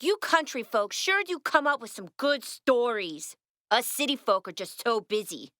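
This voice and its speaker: A woman's voice: on the high side, very animated, moderate pace, a bit bright, no echo, clean studio sound. A woman voicing a bossy, teasing schoolgirl in a 1950s radio-style drama. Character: sassy schoolgirl Helen, 1950s city kid.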